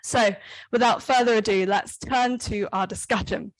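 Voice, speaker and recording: A woman's voice: medium pitch, fairly even intonation, moderate pace, rough recording. A woman moderating an event, delivering a scripted introduction in an orderly presenting manner.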